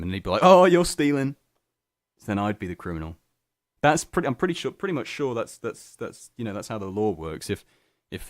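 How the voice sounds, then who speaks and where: A man's voice: lowish voice, dry recording. A young man hosting a student radio show alone in a small studio, chatting in a rambling, self-mocking way, full of restarts. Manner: self-deprecating, scatterbrained, lots of restarts. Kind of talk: rambling solo radio chat. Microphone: studio microphone.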